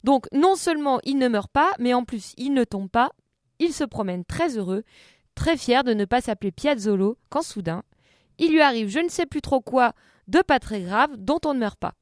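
A woman's voice: fairly high pitch, animated, moderate pace, no echo, studio quality. A woman hosting a comic radio show, telling a story in a playful, mock-earnest way.

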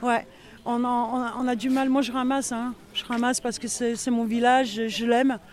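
With a flat delivery and moderate pace, a very high-voiced villager chats casually about village life for a local radio street interview. He hesitates frequently and fills gaps with filler words.

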